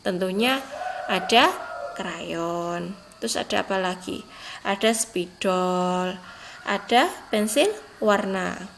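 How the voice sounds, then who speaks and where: A young woman, teaching a lesson to small children in a patient, gentle way and reading example sentences with lifted emphasis. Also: medium pitch, slow, gravelly, pauses often, background noise. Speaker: primary school teacher. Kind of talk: recorded online class lesson for young children.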